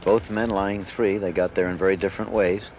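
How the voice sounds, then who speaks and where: Low-voiced man, vintage golf commentator. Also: flat delivery, brisk, a little mellow. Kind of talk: live golf play-by-play commentary. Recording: dull, noisy vintage TV broadcast.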